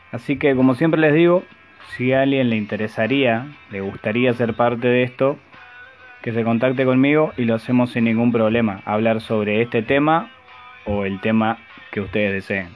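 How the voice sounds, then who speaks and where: A man's voice: mid-range voice, normal speed. A man hosting a podcast in an easygoing, friendly manner. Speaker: podcast host. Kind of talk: casual podcast chat. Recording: dull lo-fi audio with faint music.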